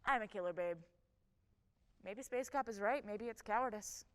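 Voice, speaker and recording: A woman playing a vain, lazy female chief of a cop federation, commanding and brisk in a live stage comedy. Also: medium pitch, smooth, lightly acted. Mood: smug. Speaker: stage actor. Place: theatre stage. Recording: long reverb of a theatre stage.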